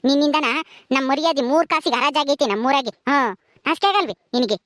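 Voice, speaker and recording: A woman's voice: high-pitched, quick pace, a bit bright, no room sound. A woman playing a bitter, proud village mother-in-law who taunts and sneers. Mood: scornful. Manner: sneering, taunting, mocking laughter.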